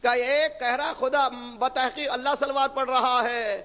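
A man with a strikingly high voice preaches an impassioned sermon. He keeps throwing rhetorical questions at his listeners and pushes up into shouts. His voice rings with the long reverb of a big hall. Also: fairly even intonation.

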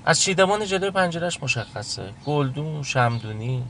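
A man in a comedy sketch slowly reading out personality traits one by one, in a deliberate way. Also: a little high, animated, a bit bright, a little hiss or hum.

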